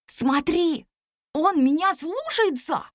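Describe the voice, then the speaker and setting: A woman voicing an excitable, boastful monkey boy in a storybook reading, often whispering eagerly. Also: high voice, measured pace, slightly rough, no room sound, clean studio sound, heavily acted.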